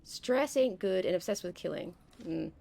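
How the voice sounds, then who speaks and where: A young woman plays a game on stream, her voice on the low side, warm, with vocal fry and lively intonation at a moderate pace. She rambles and chats casually, often cutting herself off mid-sentence, over slight background noise.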